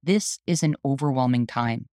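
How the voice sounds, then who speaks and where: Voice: medium pitch, darkish tone, no room sound, clean studio sound. Earnest host reading a spoken essay. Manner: earnest, urgent, deliberate. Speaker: activist and journalist hosting the show.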